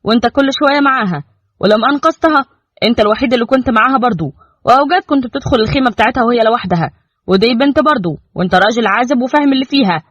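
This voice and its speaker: A man's voice: very high-pitched, rapid-fire, fairly bright tone, pitched above the performer's own voice. A man voicing a stern old Bedouin tribe elder with an Egyptian Arabic accent, reproachful and lecturing. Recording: dull lo-fi dry recording.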